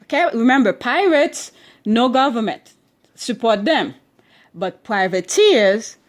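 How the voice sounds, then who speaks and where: A parent homeschooling her children reads a history book aloud and explains it, her pitch higher and her manner animated yet slow and deliberate. She speaks English with a non-standard accent and stretches key words as she reads. She constantly checks comprehension with questions and frequent "okay?"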